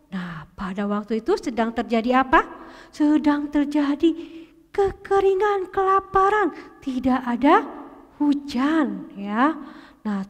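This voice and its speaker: A woman telling a Bible story to children as a Sunday school teacher, asking them questions along the way. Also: high voice. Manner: slow, questioning the child listener. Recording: long hall reverb.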